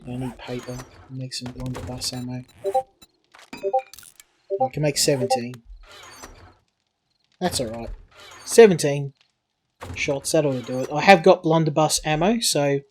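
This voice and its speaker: A man's voice: a little high, a little slow, pauses often, darkish tone. A man hosting a co-op survival game, chatting casually with his friend and often restarting sentences as he plans ahead. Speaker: game channel host. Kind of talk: casual co-op gameplay chat.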